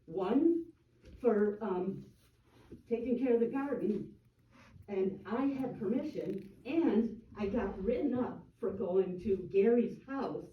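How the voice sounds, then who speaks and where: A woman speaking at a community meeting, telling a personal complaint with emotion and acting out what others shouted at her. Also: medium pitch, expressive, takes it slowly, slight background noise. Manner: emotional, quoting others in raised voices. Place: meeting room. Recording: echoey room, far from the mic, dull sound.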